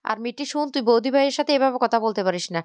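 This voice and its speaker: A young husband torn between his wife and his mother, pleading and exasperated, voiced by a woman narrator. The voice stays fairly high and crisp, and the words come out fast. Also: expressive, darkish tone, no room sound, natural voice.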